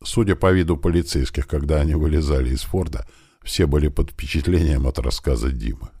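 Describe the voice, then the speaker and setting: A man reading a first-person audiobook in a plain, steady storytelling manner. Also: rumbling low, brisk, breathy edge, no room sound, studio quality. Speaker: audiobook reader.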